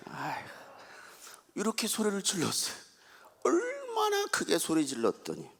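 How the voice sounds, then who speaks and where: A male pastor giving a dramatic revival sermon who calls out to the congregation and acts out a blind man's cries. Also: mid-range voice. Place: large church hall. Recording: long church hall reverb.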